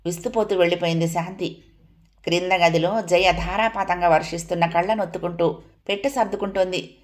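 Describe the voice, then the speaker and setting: A woman narrating a family novel as an audiobook in a steady, even storytelling manner. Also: lowish voice, brisk.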